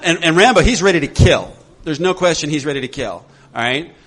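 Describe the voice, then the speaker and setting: A man leading a recovery workshop for a group, animated and laughing often as he acts out voices. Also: on the high side, fairly quick, breathy edge. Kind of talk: talk to a group.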